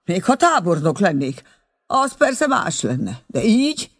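A man's voice: sits high, very animated, fairly bright tone, pitched above the performer's own voice, full character voice. A man reading aloud and voicing a fussy, timid stout old woman who chatters and loses her thread. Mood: rambling.

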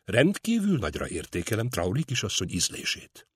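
A man's voice: on the low side, huge pitch swings, husky, dry recording, clean studio sound, heavily acted. A man voicing a polite, weary young man in an audiobook reading.

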